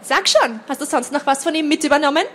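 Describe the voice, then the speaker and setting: A woman's voice: high-pitched, fast, a bit bright, voice pushed up. A woman reading a cheeky teasing teenage girl. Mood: mocking. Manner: teasing, mocking. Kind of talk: reading aloud.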